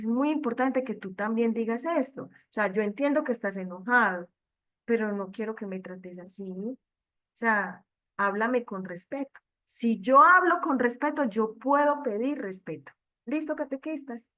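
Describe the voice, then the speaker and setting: A woman's voice: fairly high pitch, fairly bright tone. A woman leading an online training talk for catechists, speaking directly to them. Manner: direct, addresses listeners as catechists. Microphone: computer mic on video call.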